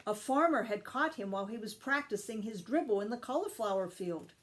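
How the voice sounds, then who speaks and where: A woman with a mid-range voice reads a children's story aloud, putting expressive, deliberate emphasis on her words. She's a teacher doing storytime reading.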